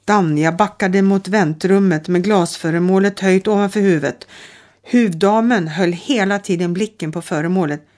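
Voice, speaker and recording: A middle-aged woman reading a children's audiobook with steady, calm storytelling. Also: mid-range voice. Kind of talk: audiobook narration.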